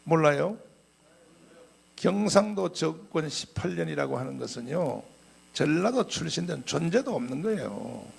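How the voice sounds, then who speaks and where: A male pastor delivering a sermon as an animated story, often clearing his throat. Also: fairly high pitch, normal speed.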